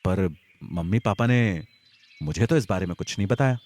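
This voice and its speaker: A man's voice: low voice, normal speed. A man voicing Arjun, a scared young village man who hides his fear behind teasing, talking to his friend in a Hindi audio story. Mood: casual. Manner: tries to sound calm, teasing.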